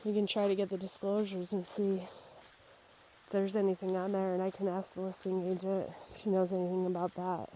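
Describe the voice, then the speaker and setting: A real estate agent films a walkthrough of a wooded property by a babbling creek, chatting casually as she walks. Her mid-range voice is monotone, mellow, and at a moderate pace, and the rough recording carries faint outdoor noise and creek ambience.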